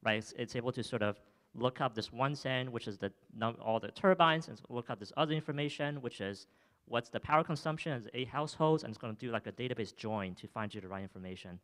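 On a theater stage with a handheld mic, a young man with a medium-pitched, slightly bright voice demos his startup's product. He is enthusiastic but heavy on fillers and frequent restarts, and afterward he answers questions from the audience.

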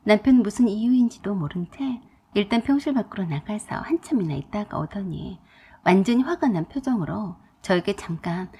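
A woman's voice: mid-range voice, animated, moderate pace, mellow, slightly rough. A woman narrating a personal family story in a plain, confiding way.

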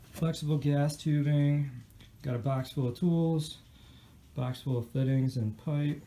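On handheld camera, this DIY vlogger casually walks through installing a gas heater in a pole barn, roof and crawl space. His medium-pitched voice is warm, with a little hiss or hum, and he describes every step in a plain, matter-of-fact way.

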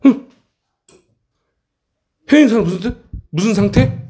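A man teaching an English textbook passage to middle school students in a classroom, often checking in with quick questions. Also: high-pitched, lively intonation, mellow.

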